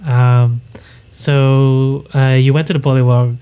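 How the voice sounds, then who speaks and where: A man's voice: mid-range voice, level tone, slow, dark tone, clean tone. Brief: male game master, plain middle voice, hesitant narration over a call. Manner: hesitant, many fillers.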